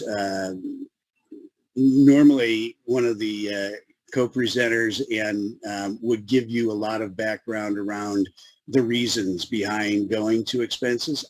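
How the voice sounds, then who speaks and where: A Chicago-accented man gives a webinar presentation as a consultant, his radio-style voice pitched on the low side. He speaks haltingly, full of fillers and restarts. The recording is low quality, with no room sound.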